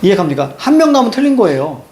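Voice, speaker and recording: A man's voice: high voice, sing-song, rapid-fire, darkish tone. A man lecturing to a class, drilling students with rhetorical questions and short, emphatic commands. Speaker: Korean reading teacher. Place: classroom with a blackboard.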